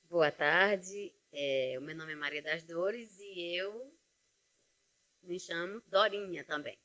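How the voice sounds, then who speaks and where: A woman's voice: lowish voice, slow pace, pushed and bright. A woman, co-director of a community library, introduces herself in a friendly, composed way.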